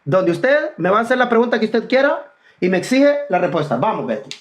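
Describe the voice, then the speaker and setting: A man's voice: high-pitched, very animated, brisk. A male preacher debates over a remote call. His voice rises and falls widely. He pushes hard, keeps repeating his opponent's name and asks question after question. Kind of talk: heated online debate.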